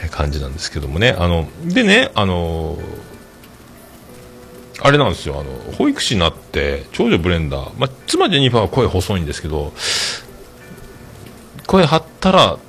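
A man's voice: low voice, huge pitch swings, normal speed, long pauses, fairly bright tone, soft background music. A man, hosting a casual podcast monologue, rambling through stories with many filler sounds. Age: 40s. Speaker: podcast host. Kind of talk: casual podcast monologue reading listener comments.

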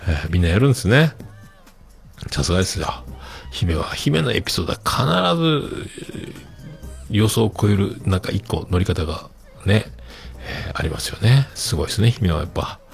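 A man hosting a casual podcast and reading listener mail, relaxed and chatty with many fillers and soft trailing ends, with a Kitakyushu accent. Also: low-pitched, normal speed, creaky, soft background music. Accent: Kitakyushu Japanese. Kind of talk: casual solo podcast talk.

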